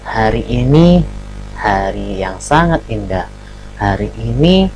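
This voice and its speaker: A man's voice: medium pitch, a little hiss or hum, poor audio. A man teaching a recorded lesson to young pupils, talking to them directly and acting out examples. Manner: animated, addresses pupils directly, acts out examples. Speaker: primary school teacher. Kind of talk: recorded online lesson for children.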